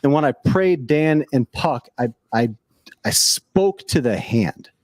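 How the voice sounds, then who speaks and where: A man's voice: a little high, lively intonation, takes it slowly, no room sound, studio quality. A man telling a personal story on a casual podcast, earnest and rambling, with frequent restarts.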